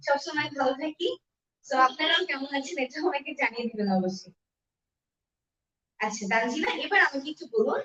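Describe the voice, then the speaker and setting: Woman, online English teacher, high voice, slow deliberate English, dull lo-fi sound from a distance. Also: a bit bright. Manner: switches between Bengali and slow deliberate English. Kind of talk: live-streamed language lesson. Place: room at home. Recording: echoey, distant, dull home mic.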